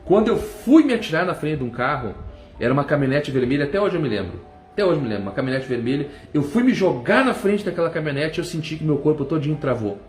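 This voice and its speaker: Middle-aged guy giving a church testimony, fervent and emphatic, echoey room, soft music under it. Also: fairly high pitch, very animated, fast. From southern Brazil. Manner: fervent, emphatic, with cries of praise. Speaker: testimony speaker.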